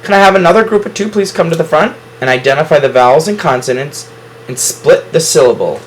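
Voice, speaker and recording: A man's voice: on the high side, expressive, fast talker, a little hiss or hum, poor audio. A man teaching a phonics lesson to a class, explaining syllables at the whiteboard and praising students often.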